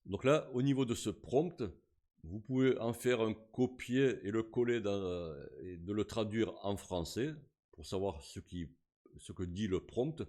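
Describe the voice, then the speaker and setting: A man, casually talking through a software tutorial step by step, with frequent fillers as he clicks. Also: on the low side, unhurried. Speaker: tutorial host. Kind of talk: screen-recorded software tutorial.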